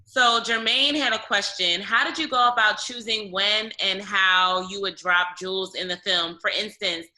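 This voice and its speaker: Woman, film club host, very bright tone, reads audience questions, casual interview. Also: medium pitch, normal speed, few pauses, low-quality recording.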